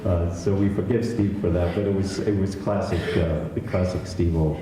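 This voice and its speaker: A middle-aged Scottish man giving a halting, lightly humorous memorial speech, with many fillers and restarts. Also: low voice, fairly even intonation, a crowd in the background. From Scotland. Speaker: eulogy speaker. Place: village hall. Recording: echoey hall from far off.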